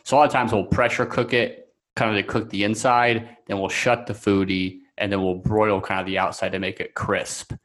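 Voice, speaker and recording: A man speaking as a podcast guest in a relaxed, rambling way, full of fillers and self-corrections. His voice sits on the low side. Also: moderate pace. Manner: rambling, chatty, many fillers and restarts. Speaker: coaching client guest. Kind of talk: casual podcast conversation.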